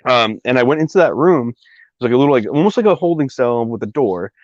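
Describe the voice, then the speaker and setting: A man's voice: mid-range voice, animated, quick pace, darkish tone, no room sound. A man casually telling a long personal story, rambling with many fillers and asides. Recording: dry, slightly dull recording.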